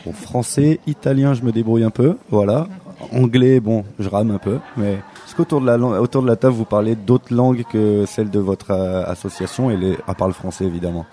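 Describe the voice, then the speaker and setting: A man hosting a live radio interview at an association forum, talking in a relaxed, chatty way with plenty of fillers. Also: fairly low pitch, brisk. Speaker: radio host.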